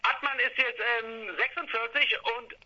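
A man's voice: very high voice, steady tone, normal speed, bright, forceful tone, husky, dull audio. A man in his late twenties, a band member telling stories in a rambling way with many fillers. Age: 20s. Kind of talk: casual interview.

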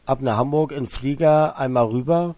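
A man's voice: medium pitch, normal speed, mellow, no room sound, lo-fi sound. A man hosting a casual radio interview, often repeating words as he searches for his point.

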